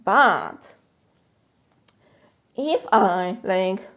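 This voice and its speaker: A life coach with a Polish accent answers live-stream chat questions in a relaxed, chatty style packed with fillers and laughter. Her medium-pitched voice is expressive and a bit bright, stretching out words. The phone recording sounds dull.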